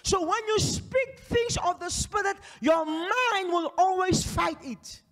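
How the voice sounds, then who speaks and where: A man from Namibia preaching a charismatic sermon on a large church stage into a handheld mic, shouting declarations and prophecies while he paces and gestures. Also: very high-pitched, takes it slowly. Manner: pacing and gesturing energetically. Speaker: pastor. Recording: long hall reverb.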